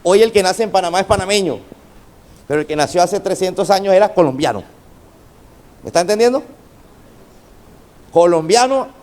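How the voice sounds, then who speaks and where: Middle-aged male pastor, high-pitched, fervent sermon delivery that prods the congregation for responses. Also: expressive, moderate pace, long pauses, a little mellow.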